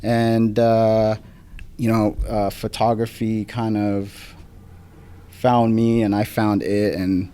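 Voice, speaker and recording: A man's voice: on the low side, little pitch movement, slow pace, warm tone, clean tone. A man who grew up in Los Angeles, a guest photographer talking casually, with many ums and restarts. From Philippines, grew up in Los Angeles. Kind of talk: casual interview chat. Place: live podcast recording before a small audience.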